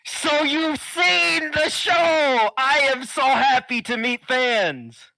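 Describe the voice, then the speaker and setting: A man playing a boastful, exuberant lucha libre wrestler with a loud, showboating announcer delivery in a tabletop game. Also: fairly high pitch, sing-song, slow pace, dry recording, voice pushed up, exaggerated voice, poor audio. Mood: thrilled, booming.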